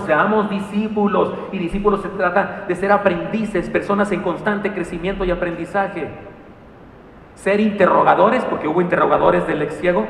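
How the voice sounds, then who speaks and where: Pastor preaching in an echoey church. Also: male voice, a little high, gravelly, far from the mic, slight background noise. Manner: animated, storytelling with humor and asides. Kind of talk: sermon. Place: church sanctuary. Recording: echoey hall, mic from afar.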